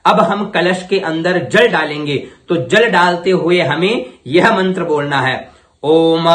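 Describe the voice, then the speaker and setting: A man's voice: a little high, fairly bright tone, echoey room. A man teaching Vedic ritual, chanting mantras syllable by syllable for his students to copy, then explaining them. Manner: chants mantras slowly, then explains quickly in plain talk. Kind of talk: slow syllable-by-syllable mantra recitation lesson.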